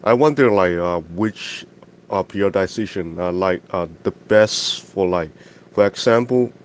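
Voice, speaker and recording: A man's voice: deep voice, unhurried, clean tone. A man calling into a podcast, asking questions hesitantly with lots of fillers over a voice call. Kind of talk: casual chat on a voice call. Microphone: voice call mic.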